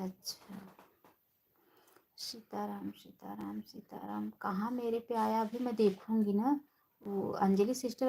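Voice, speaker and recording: Slow-talking woman with a gravelly voice. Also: medium pitch, a little hiss or hum, poor audio. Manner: chatty, addresses viewers by name; talks softly and slowly, holding her voice down. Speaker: live-stream host. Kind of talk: casual live-stream chat.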